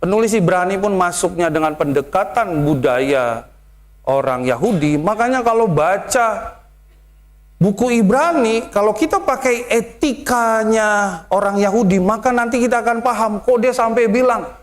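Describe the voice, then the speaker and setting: A man preaching a sermon as pastor, telling lively stories and mimicking how other people talk. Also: sits high, moderate pace.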